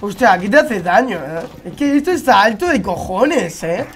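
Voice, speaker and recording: A man's voice: high voice, sing-song, normal speed, a little hiss or hum. Man with a Spain accent, gaming streamer, exasperated ranting commentary full of swearing. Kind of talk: live gameplay commentary.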